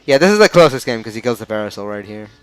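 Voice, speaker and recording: A man's voice: lowish voice, big pitch swings, racing, fairly bright tone, clear, resonant tone. A man with an Australian accent giving casual analysis of a fighting game match, chatty and often stumbling over the players' names.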